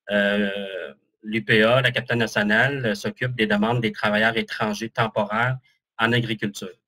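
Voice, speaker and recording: A man with a lowish, pushed, bright voice and a Québécois French accent presents a webinar as an employment counsellor over a video call. He is chatty, jokes about himself, and uses many fillers.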